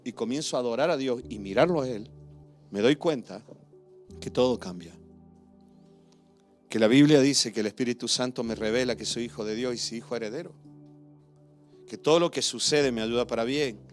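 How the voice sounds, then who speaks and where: A man preaching a sermon as pastor, swinging from loud emphatic declarations to hushed asides. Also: medium pitch. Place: church.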